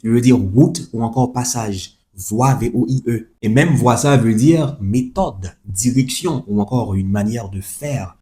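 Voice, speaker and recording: A man's voice: mid-range voice, dark tone. A man teaching a French lesson, spelling words letter by letter, repeating each example and adding chatty asides to the listener. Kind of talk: explaining a language lesson.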